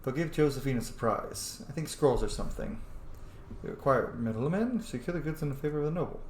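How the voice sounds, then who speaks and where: This man, a streamer and roleplayer, talks about a roleplaying game in a chatty, opinionated way, reading passages out and responding to them. He speaks at medium pitch, animated and brisk, in a roomy recording with slight background noise.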